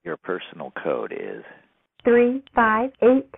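Needed: automated phone prompt voice, a woman, flat announcement, tinny noisy line, slow with gravelly edges. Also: medium pitch.

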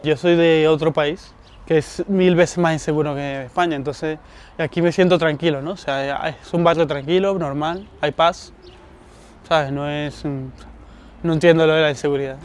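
A man in his twenties who boxes, speaking relaxed and conversational in an outdoor documentary interview. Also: on the high side, normal speed. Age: 20s. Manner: relaxed, conversational, casual asides. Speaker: young boxer. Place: outdoors by a mural. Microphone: lapel mic.

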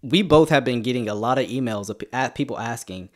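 A man hosts a relaxed livestream conversation. He guides the talk along and keeps prompting his guest with questions. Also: medium pitch, fast talker. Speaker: channel host. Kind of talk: casual livestream chat.

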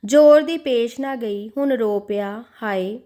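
A woman narrating a devotional audiobook in a measured storytelling manner. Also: fairly high pitch, mellow.

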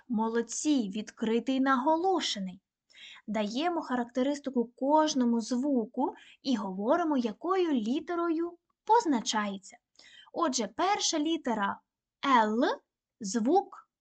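A woman teaching a recorded online primary-school lesson, dictating words slowly and clearly. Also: high-pitched. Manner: slow, clear, deliberate dictation.

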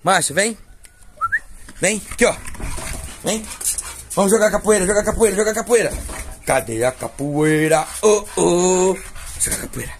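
Outdoors at his kennel, a dog breeder with a Brazilian Portuguese accent chats playfully with viewers in a casual vlog and coos baby talk to his dogs. His voice is high, his pace moderate, with long pauses. A little hiss or hum sits under the recording.

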